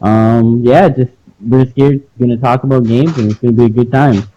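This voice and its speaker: A man's voice: mid-range voice, steady tone, brisk, warm tone. A young man chatting in an easygoing way as a podcast co-host, heard through muffled phone-call audio. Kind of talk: casual chat over a call. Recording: muffled dull phone line.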